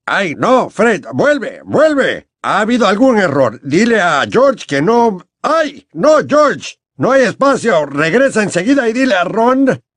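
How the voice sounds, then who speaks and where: Flustered middle-aged wizard dad, eager and apologetic, raised and lively pitch; a man reading it. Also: takes it slowly, hardly any pauses, no echo, heavily acted. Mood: alarmed. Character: excitable middle-aged wizard father, kindly. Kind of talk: audiobook character voice.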